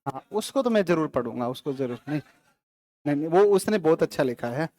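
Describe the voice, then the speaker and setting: Male teacher, live classroom lecture, high voice, quick quizzing and banter. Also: lively intonation, a little mellow. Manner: quizzing students with quick questions and answers; casual, joking with the class.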